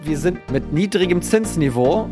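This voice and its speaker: A man's voice: on the high side, animated, moderate pace, music in the background. A man hosting a podcast in a conversational interview style. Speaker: podcast host.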